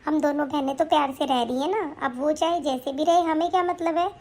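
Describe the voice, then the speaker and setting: महिला द्वारा बड़ी बहू: नरम, तसल्ली देती, ऊँची आवाज़, कार्टून कहानी।. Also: female voice, high voice, fairly quick, a little mellow. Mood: comforting. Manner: soothing, reassuring. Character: elder sister-in-law, kind and comforting. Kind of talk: animated story voice acting.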